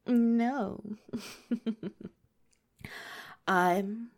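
Talking very slowly in a slightly high voice, a woman performs an ASMR scene as an overly adoring makeup artist. She addresses the listener as honey and darling, keeping her voice soft and sometimes slipping into a whisper.

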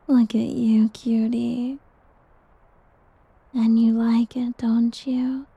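A woman's voice: on the high side, dry recording, heavily acted. A woman whispering as a doting slime creature. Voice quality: breathy. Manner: soft whispering, teasing and coaxing. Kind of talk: ASMR roleplay. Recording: dull lo-fi audio.

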